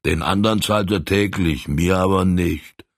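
A man's voice: low-pitched, measured pace, vocal fry, no echo, studio quality, full character voice. A man voicing a thirsty, cunning grown male ship's stoker who grumbles and grows eager at talk of drink.

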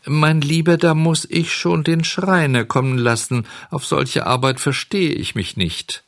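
A man reading a storybook and voicing a calm female snail doorkeeper who speaks slowly, with drawn-out, unhurried words. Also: on the high side, vocal fry, pitched above the performer's own voice. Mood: placid, unhurried.

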